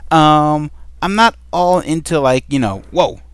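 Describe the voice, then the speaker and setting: Speaking at a measured pace into a desk mic, this man has a voice on the high side and a clean tone, with no room sound. He's a vlogger doing a question tag at home, chatting casually and rambling playfully through the questions with plenty of ums.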